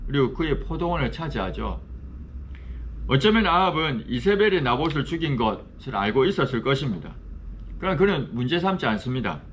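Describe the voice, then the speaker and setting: A male pastor delivers a Bible study lecture with a measured, explanatory delivery. His voice sits at an ordinary middle pitch. He often turns to the class with questions, and a faint hum of room ambience runs underneath. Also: fairly bright tone. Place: church classroom.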